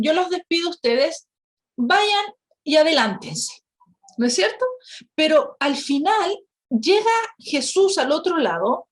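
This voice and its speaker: A woman teaching a Bible lesson, telling the story with lively rhetorical questions and acting out the characters. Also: on the high side. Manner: acts out quoted characters.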